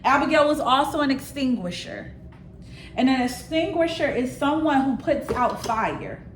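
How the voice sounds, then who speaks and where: A woman's voice: high voice, big pitch swings, normal speed, slight background noise. A woman preaching an informal sermon straight to her listeners. She speaks emphatically, repeats her key lines and drops in casual asides.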